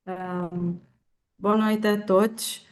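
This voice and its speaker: A woman's voice: medium pitch, little pitch movement, very slow. A woman from Portugal and Verde, a guest talking cheerfully and spontaneously, rambling with many fillers. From Portugal and Cape Verde. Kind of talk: live conversation.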